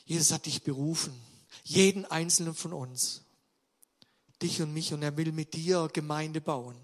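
Man, preacher, sermon, slow deliberate pace, emphatic stresses and quiet asides. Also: on the high side. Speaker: pastor.

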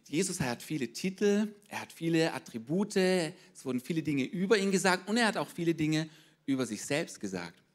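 A male pastor delivers a sermon, speaking directly to his congregation with lively energy and frequently pausing to check in with a quick question. His voice sits on the high side.

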